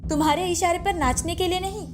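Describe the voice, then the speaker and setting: A woman's voice: very high voice, fairly even intonation, fast talker, music in the background, voice pushed up. A woman voicing an arrogant young daughter-in-law who speaks rudely and dismissively in a cartoon story. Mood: insolent. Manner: sharp, insolent, dismissive.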